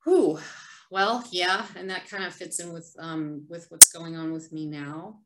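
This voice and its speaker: A woman reading her own poem and then talking it over in a soft, unhurried, reflective way. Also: lowish voice, fairly even intonation, very noisy. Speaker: vlogger sharing her poems. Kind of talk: poetry reading and reflective talk. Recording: echoey room.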